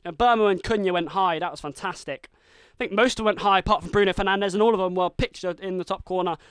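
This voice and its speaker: A man streaming a football video game live, calling the action like a commentator and shouting at the big moments. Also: sits high, quick pace, clean tone, dry recording. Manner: mimics a football commentator and a team manager.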